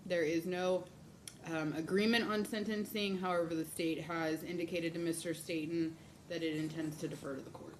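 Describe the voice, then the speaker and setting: In an echoey courtroom with faint noise, a female prosecutor with an American accent delivers a formal statement. Her voice is on the low side, and her delivery is deliberate and halting. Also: steady tone.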